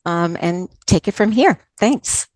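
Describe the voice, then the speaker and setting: A woman's voice: fairly low pitch, lively intonation, slow, darkish tone, no echo. A woman moderating a virtual conference, introducing a guest speaker in a heartfelt, earnest way. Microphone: video call.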